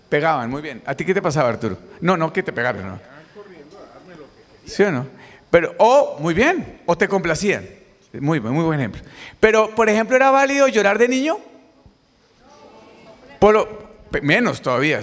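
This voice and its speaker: A middle-aged Colombian man giving a conference talk, lively and quizzing the audience directly. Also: high voice. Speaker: motivational speaker. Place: large conference hall. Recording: reverberant hall, mic on stage.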